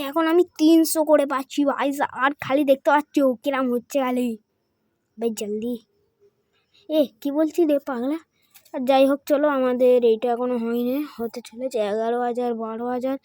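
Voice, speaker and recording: Excitable woman gamer. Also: high-pitched, no room sound, clean studio sound. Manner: excitable, mixes Hindi phrases, counts numbers aloud. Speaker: gaming channel host. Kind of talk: excited gameplay commentary.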